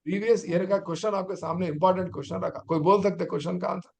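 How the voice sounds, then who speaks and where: A man's voice: sits high, fairly even intonation, very fast, vocal fry, darkish tone. A middle-aged man, a teacher trainer giving an online exam-prep lecture and urging his students on with rhetorical questions.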